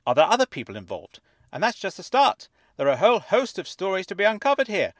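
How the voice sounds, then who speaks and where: A man voicing an excitable middle-aged newspaper writer with a fuzzy, wobbly, slightly distorted voice and a gushing way of talking. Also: high voice, fast, no echo, studio quality, voice pushed up. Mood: excited. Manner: effusive, gushing, rambles when excited.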